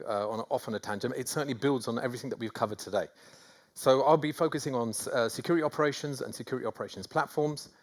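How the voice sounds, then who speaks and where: A middle-aged man with a North London accent giving a conference talk, self-deprecating and rambling with many fillers and restarts. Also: mid-range voice. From England. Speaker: conference speaker. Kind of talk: conference presentation. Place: conference hall.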